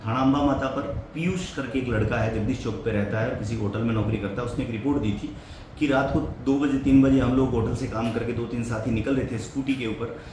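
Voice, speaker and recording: A man, a police officer, giving a formal press statement in plain official wording. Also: mid-range voice. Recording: very echoey room, clear room noise.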